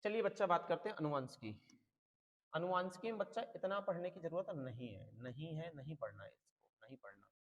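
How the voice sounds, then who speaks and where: A male teacher on a long revision lecture, his voice sitting a little higher than most men's. He keeps calling the students "beta" and repeats each key term several times. The sound rings out with a long hall reverb. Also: expressive, fairly quick, lo-fi sound. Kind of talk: exam-prep lecture.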